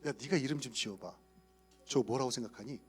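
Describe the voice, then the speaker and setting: A man voicing God as a warm, fatherly figure who coaxes and shows things with affection. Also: mid-range voice, brisk, breathy edge, voice pushed down, close to an everyday voice. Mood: fond. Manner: affectionate and coaxing. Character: warm fatherly God, gently showing creation.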